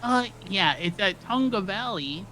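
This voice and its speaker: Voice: mid-range voice, animated, a little slow, sharp tone, slight background noise, low-quality recording. A player with a Minnesotan accent, teasing a friend over a call in a roleplay game. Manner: teasing, bossy. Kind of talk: casual in-game chat.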